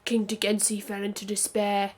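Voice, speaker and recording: A woman's voice: medium pitch, completely flat delivery, moderate pace. Woman co-streamer reading game lore. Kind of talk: reading game dialogue aloud.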